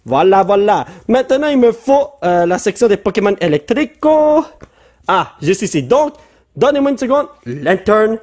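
Québécois male YouTuber, high and very animated, excitable casual commentary full of English slang. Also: moderate pace. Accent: Québécois French. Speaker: YouTuber opening card packs.

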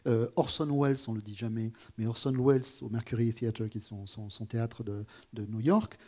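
A man's voice: mid-range voice, steady tone, fairly quick, a little mellow. A man hosting a live stage conversation, speaking thoughtfully with many restarts and putting questions to his guest. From France. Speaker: host of a public talk. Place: auditorium.

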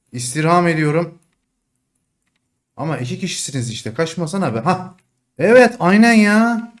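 A young man giving live commentary over his own game fights, with a voice that sits slightly high for a man. He swings from sudden shouts and teasing taunts at opponents to low, muttered asides. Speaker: gaming streamer.

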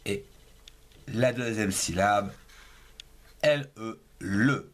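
Slow, lively French man spelling letters. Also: medium pitch. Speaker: handwriting teacher. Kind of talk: slow spelling-out handwriting lesson.

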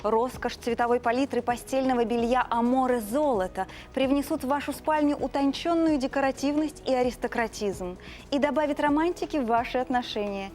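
High-voiced woman giving an infomercial sales pitch. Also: darkish tone. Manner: gushing, drawn-out emphasis on sensual adjectives. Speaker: TV shopping presenter. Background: background music.

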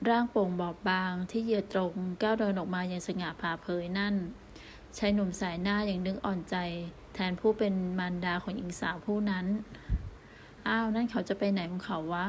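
A woman reading a romance novel aloud as an audiobook narrator, calm and even. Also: mid-range voice, brisk, a little hiss or hum.

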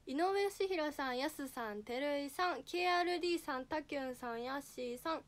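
Teen girl, livestream chat, high voice, slightly nasal, reads viewer names. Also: moderate pace. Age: teens. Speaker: idol livestreamer.

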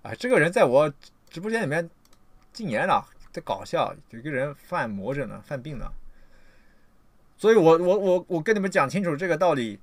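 A man lectures his livestream audience in a scolding, emphatic way, swearing freely. He swings from loud outbursts down to low muttering in a slightly high voice. The sound is close and dry. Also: sing-song, brisk, no echo. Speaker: livestream lecturer on political theory.

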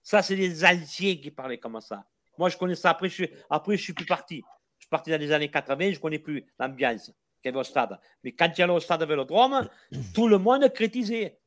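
Older man, Marseille accent, fairly high voice, fervent, repeats his points. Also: expressive, brisk, a bit bright. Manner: passionate, emphatic, repeats himself. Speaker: football supporter. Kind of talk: casual chat.

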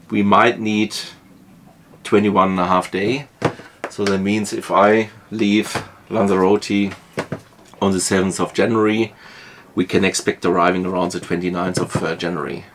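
A man in his fifties, a native German speaker, calmly explaining his sailing plans from the saloon of his boat. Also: low voice, noisy background. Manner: measured, explains step by step with small fillers. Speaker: sailing vlogger. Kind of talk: casual planning talk to camera. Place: wood-panelled boat saloon, later on deck in a marina.

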